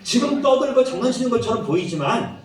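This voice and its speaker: A man's voice: very high voice, very animated, fast. A man giving a playful children's sermon, telling the story with acted-out voices and questions for the kids. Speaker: children's ministry preacher. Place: church worship room. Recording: very echoey room, mic far off.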